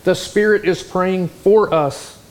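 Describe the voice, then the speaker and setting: A man preaching a sermon, telling a story in an animated, exclamatory way. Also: high voice, slow pace. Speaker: pastor.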